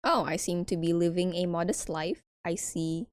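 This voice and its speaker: Young woman rambling thru a game stream, lowish voice, dry close sound, lots of giggles. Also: steady tone, moderate pace, no room sound. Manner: chatty, giggly, rambling, reads game text aloud. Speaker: streamer playing a visual novel. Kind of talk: casual game commentary.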